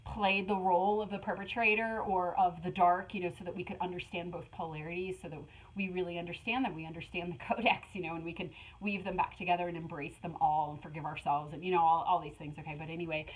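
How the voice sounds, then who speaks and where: A middle-aged woman giving a casual spiritual tarot reading, talking in an animated, rambling way with many fillers. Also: on the low side, quick pace, few pauses, poor audio. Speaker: tarot reader.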